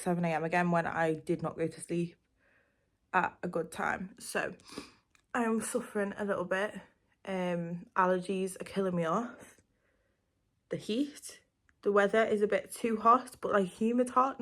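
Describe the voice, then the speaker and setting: A young woman with a Liverpool accent, chatting casually at home as a vlogger, rambling with lots of "um" and "like". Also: mid-range voice. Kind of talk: casual chat to camera.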